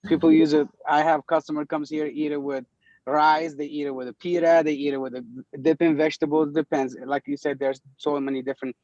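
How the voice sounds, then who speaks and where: A man from Turkey with a fairly high voice explains his dishes in an eager, earnest way. The sound is dry and a little dull. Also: little pitch movement, a little fast, darkish tone, no echo. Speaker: restaurant owner. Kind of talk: casual interview talk.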